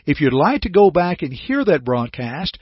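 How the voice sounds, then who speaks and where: A man giving scripted Bible teaching as a radio preacher, in an earnest, formal, measured delivery. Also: fairly high pitch, sing-song, breathy edge, no room sound, lo-fi sound.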